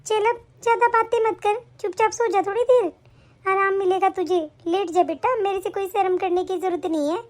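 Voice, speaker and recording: A woman voicing an older aunt in an animated family story, giving reassuring orders and fussing like a mother. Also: extremely high pitch, brisk. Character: older aunt, warm but commanding.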